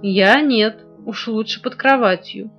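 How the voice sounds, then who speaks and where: A sulky toy doll, put on by a woman, speaking in a hurt, slightly raised and high voice. The recording is dull and lo-fi, with gentle guitar behind. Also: slow pace. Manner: offended, sighing. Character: sulky offended female Barbie doll.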